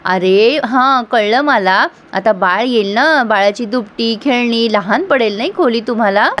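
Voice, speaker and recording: A woman's voice: fairly high pitch, unhurried, fairly bright tone. A woman voicing a fussy, caring older mother who chats while busy with chores. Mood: fussing. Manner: busy, fussing, chatty.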